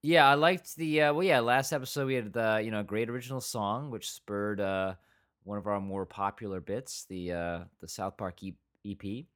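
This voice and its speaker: A man's voice: fairly low pitch, steady tone, moderate pace, a bit bright, clear, resonant tone. A man co-hosting a podcast, chatting casually about a TV episode and drifting into quoted asides. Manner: rambling, full of restarts and quoted asides. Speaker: podcast co-host. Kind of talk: casual review chat.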